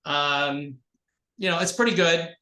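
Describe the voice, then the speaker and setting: Tinny, thin-sounding man, no bass. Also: bright, forceful tone. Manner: rambling, halting, many fillers. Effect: thin tinny microphone sound with no bass. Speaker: interview host. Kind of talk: casual video-call interview. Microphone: home computer microphone. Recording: tinny mic in an echoey room.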